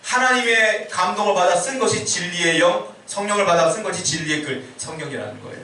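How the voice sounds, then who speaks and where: A man's voice: high-pitched, a little fast, pushed and bright. A man preaching a sermon as pastor, asking his congregation questions and answering them himself. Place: church sanctuary. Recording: echoey church hall, mic far off, faint hiss.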